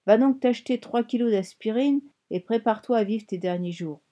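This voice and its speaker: A woman's voice: fairly high pitch, moderate pace, warm tone, lo-fi sound, pitched above the performer's own voice, lightly acted. A woman reading an audiobook, voicing a bossy, scornful sister who lives as a voice inside a girl's head and speaks in a hammering, mocking way.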